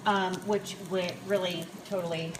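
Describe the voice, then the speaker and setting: Against background noise, this motivational vlogger in her forties, who also coaches food prep, rambles conversationally to her viewers. She speaks unhurriedly, with a fairly low pitch and flat delivery.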